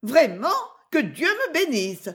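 A woman voicing an excitable young scullery maid who exclaims in high astonishment. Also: normal speed. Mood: astonished.

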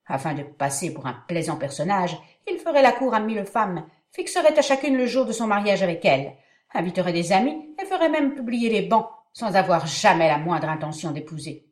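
A woman's voice: mid-range voice, very animated, brisk, roomy sound, close to an everyday voice. A woman playing a proud, humiliated young bride in a stage comedy, declaiming with indignant emphasis. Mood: indignant, wounded. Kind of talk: dramatic reading of a classic stage comedy.

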